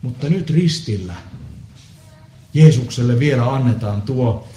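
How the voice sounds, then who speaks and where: A man preaching a solemn Good Friday sermon, measured with pauses and the odd hesitant filler. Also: mid-range voice, lively intonation, mellow, slight background noise. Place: church. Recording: echoey church with faint ambience.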